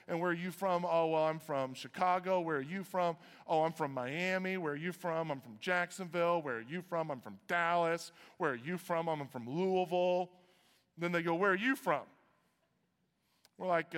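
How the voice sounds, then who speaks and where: A man from Iowa preaching a sermon as pastor, conversational with joking asides. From Iowa, USA. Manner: conversational, joking asides, lively swings in pitch. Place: church auditorium. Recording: reverberant church hall.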